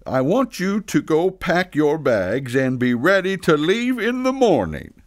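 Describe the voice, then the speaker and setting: A man playing Santa as an earnest, flustered older father who speaks haltingly in a children's audio story. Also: fairly high pitch, very animated, faint music behind. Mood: decisive, coaxing. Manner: halting, emotional, deliberate pauses.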